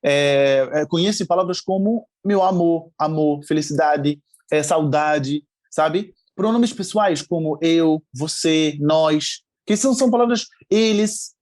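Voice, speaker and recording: A man's voice: a little high, slow, darkish tone. A male language teacher, a guest on a podcast, explaining things patiently with frequent hesitations. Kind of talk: casual interview chat.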